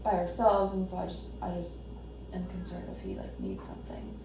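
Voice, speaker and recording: A woman playing an anxious, devoted wife who explains herself haltingly and defensively in a counselling role-play. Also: fairly low pitch, sing-song, creaky. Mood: anxious, apologetic. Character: anxious, devoted wife caring for her husband. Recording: echoey room, distant mic, noisy background.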